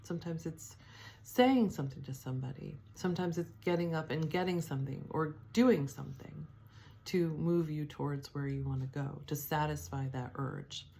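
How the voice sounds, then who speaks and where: A woman giving a spiritual teaching, speaking softly and reflectively, with pauses, fillers and restarts. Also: low voice, slight background noise. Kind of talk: devotional teaching talk.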